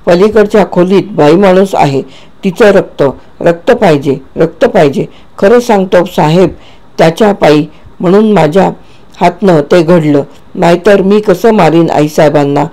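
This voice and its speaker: A man's voice: high-pitched, moderate pace, warm tone, lightly acted. A man voicing a sobbing teenage boy. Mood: distraught. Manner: pleading, sobbing. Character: tearful disturbed fourteen-year-old boy.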